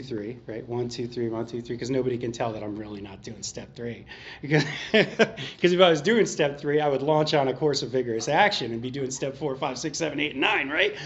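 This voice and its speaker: A man speaking at a recovery meeting, telling his personal story with animated delivery, acting out the voices in his head and laughing often. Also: medium pitch. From Pennsylvania. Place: meeting room. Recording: slightly dull, faint hiss.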